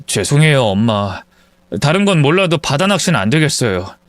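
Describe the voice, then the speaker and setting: A man's voice: fairly high pitch, big pitch swings, normal speed, no room sound. A man voicing a timid son nearly forty who pleads apologetically with his mother. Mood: pleading.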